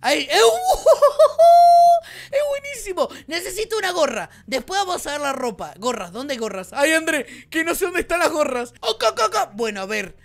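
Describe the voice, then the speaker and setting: High, lively Argentine woman gamer. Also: brisk, creaky, hardly any pauses. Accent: Rioplatense Argentine Spanish. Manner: bubbly, excitable, shrieks and laughs often. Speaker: gaming channel host. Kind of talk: excited gameplay commentary.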